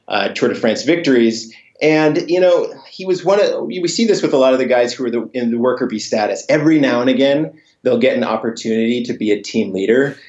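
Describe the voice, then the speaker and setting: A man's voice: medium pitch, a little mellow, reverberant, muffled recording. A man speaking conversationally as an interviewed journalist over a remote connection. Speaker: cycling journalist guest.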